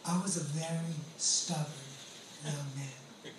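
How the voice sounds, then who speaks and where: This testimony sermon comes from a pastor and ex-convict, an American man from California in his late forties. He speaks slowly in a voice on the high side with fairly even intonation, earnest and emphatic, often repeating phrases. The audio has roomy echo, a far-off mic and background noise.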